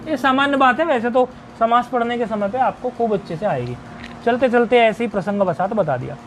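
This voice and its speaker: A very high-pitched man gives a step-by-step Sanskrit grammar lesson on video, raising questions only to answer them himself. He recites word forms slowly in list fashion, and a little hiss or hum can be heard.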